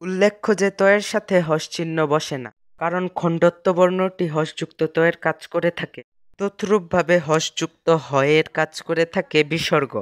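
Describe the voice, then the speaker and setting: A man teaching pronunciation in a measured, scripted narration, slowing down to model each word. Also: on the high side, fairly even intonation.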